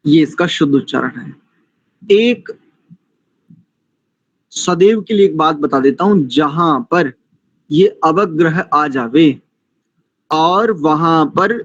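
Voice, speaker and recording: A man teaching mantra recitation, chanting each verse slowly and deliberately before explaining the correct pronunciation. His voice sits a little high for a man and sounds dull and lo-fi. The recording is dry. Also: no echo. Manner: admonishing, didactic.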